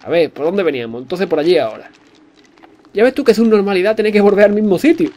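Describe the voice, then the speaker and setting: A man giving jokey let's-play commentary, excitable and swearing often. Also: high-pitched, fast, a little hiss or hum. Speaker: gamer.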